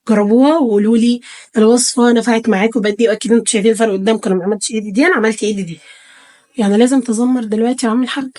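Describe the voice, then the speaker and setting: Fast-talking Egyptian woman vlogger. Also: on the high side, a little mellow. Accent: Egyptian Arabic. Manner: chatty, addresses viewers as girls. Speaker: beauty vlogger. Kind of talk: casual tutorial talk to camera. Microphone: phone camera held close.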